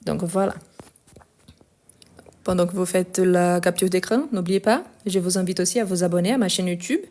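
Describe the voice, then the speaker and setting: Mellow-voiced woman teaching French live. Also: fairly low pitch, fairly even intonation. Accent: Lyon French. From France and Brazil. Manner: explanatory, repeats forms slowly, gets indignant answering critics. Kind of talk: live online grammar lesson.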